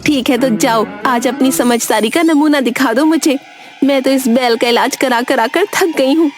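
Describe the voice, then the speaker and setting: Lady voicing a high-pitched nagging village wife, bossy, music in the back. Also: normal speed, close to an everyday voice. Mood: scolding. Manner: sharp, nagging, scolding. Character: scolding young village wife. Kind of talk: Hindi cartoon dubbing. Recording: background music under voice.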